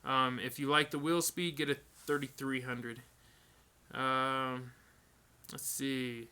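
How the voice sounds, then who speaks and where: A man's voice: mid-range voice, slow pace, clear, resonant tone. A man hosting a live stream, casually answering viewer questions with lots of ums and restarts. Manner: relaxed, rambling, many ums and restarts.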